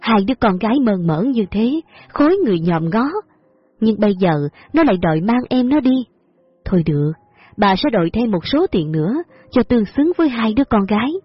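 A woman narrating a story in a calm, measured way, in a dull lo-fi recording with faint music behind. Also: medium pitch, husky, dry recording.

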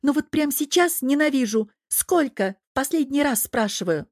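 A woman doing a shrill, jealous young woman. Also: expressive, moderate pace, no room sound, clean studio sound. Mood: furious. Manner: sharp, furious, shrill accusations. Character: fiery jealous young woman, shouting at her lover.

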